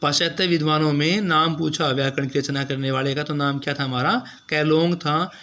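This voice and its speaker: A male teacher works through exam questions with a voice pitched a little high for a man. He asks each question, answers it himself, then repeats the answer. He keeps speaking directly to his students. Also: fairly even intonation, a little fast, sharp tone. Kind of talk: exam-prep lecture.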